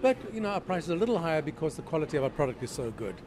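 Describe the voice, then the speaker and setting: A man's voice: on the high side, sing-song, very fast, background noise. A man in his fifties, a restaurant owner, talking up his food with upbeat enthusiasm in a small restaurant. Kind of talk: casual interview. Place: small restaurant with street noise.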